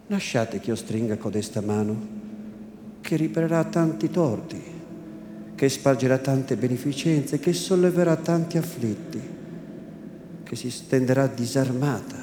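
Attore nei panni di un vescovo anziano e solenne, parlata lenta, sala con eco. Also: male voice, medium pitch. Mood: gentle. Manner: solemn, calm, slow and deliberate. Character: solemn elderly male bishop, gentle and humble. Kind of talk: theatrical literary reading. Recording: echoey room with background noise.

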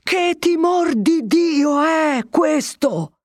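A reader voicing a flustered middle-aged male police captain who shouts pleas and orders at a rioting crowd in an audiobook. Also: medium pitch, very animated, slow pace, no echo, studio quality, pitched above the performer's own voice. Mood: pleading.

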